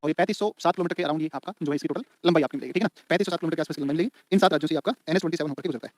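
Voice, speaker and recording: A man's voice: fairly high pitch, rapid-fire, no echo. A man teaching an exam-prep lecture in a colloquial way, repeating each point over and over so students can write it down. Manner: colloquial, addresses students as beta and bhai.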